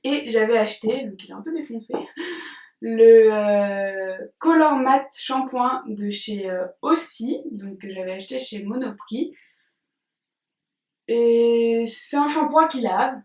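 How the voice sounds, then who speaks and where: A woman's voice: fairly high pitch, slow pace, darkish tone, recorded from a distance. A young woman from France reviewing used-up beauty products in a casual, chatty way, with frequent hesitations. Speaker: beauty vlogger. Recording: roomy, from off the mic.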